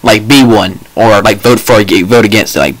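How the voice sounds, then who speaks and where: A man's voice: fairly low pitch, normal speed, rough recording. A young man co-hosting a casual podcast, asking would-you-rather questions and joking around in a rowdy, teasing way. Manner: rowdy, joking, slips into mock voices and quotes.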